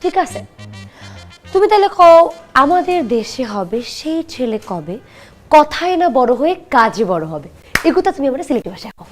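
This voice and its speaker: A young woman acting a teasing, sharp-tongued girlfriend in a comedy sketch. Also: sits high, big pitch swings, normal speed, pauses often. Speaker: comic actress playing a girlfriend. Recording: faint background music.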